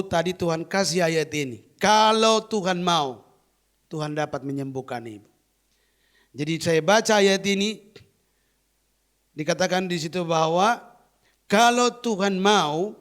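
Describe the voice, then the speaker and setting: Emphatic high-voiced male pastor preaching. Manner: emphatic, repeats key phrases with rising stress; acts out quoted voices in lively retelling. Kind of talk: sermon with testimony storytelling.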